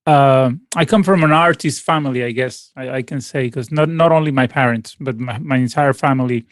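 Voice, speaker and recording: A man's voice: medium pitch, fairly quick, no echo. A Venezuelan man in his late forties, a musician answering interview questions in a rambling, casual way with many restarts and fillers. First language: Spanish. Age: 40s. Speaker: guest musician. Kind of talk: casual interview over a call.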